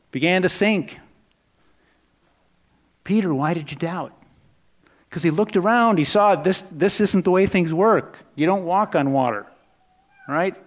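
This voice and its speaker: A man preaching a sermon in a conversational, reflective way, dropping softer for quoted words. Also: high-pitched.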